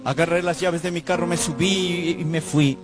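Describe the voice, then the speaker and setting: A man's voice: a little high, steady tone, normal speed. A male pastor preaching a sermon, telling a story with feeling and speaking directly to the congregation. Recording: music playing behind. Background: instrumental music.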